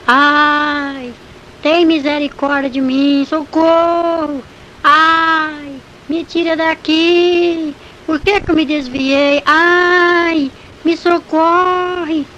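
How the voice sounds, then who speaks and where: A woman voicing tormented, damned souls with slow, high, drawn-out cries for help, in a slightly muffled recording. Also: steady tone, sharp tone, slight background noise, exaggerated voice. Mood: wailing.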